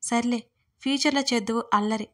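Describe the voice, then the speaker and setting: A woman voicing a teasing, possessive young man in a storybook reading, firm and calm. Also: on the high side, brisk, lightly acted.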